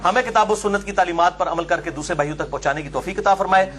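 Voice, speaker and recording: A man delivers a forceful religious lecture in a notably high voice. He argues point by point, pausing to direct helpers to hold up book pages. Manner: emphatic, argumentative, addresses helpers to show pages.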